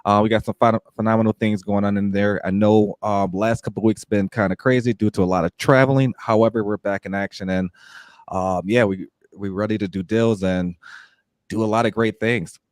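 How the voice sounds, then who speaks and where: A man's voice: on the low side, fairly even intonation, brisk, darkish tone, dry recording. A man co-hosting a podcast over a group video call, chatting casually in a loose, rambling way with many fillers and restarts. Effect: heard over a group video call. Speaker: podcast co-host. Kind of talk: casual chat.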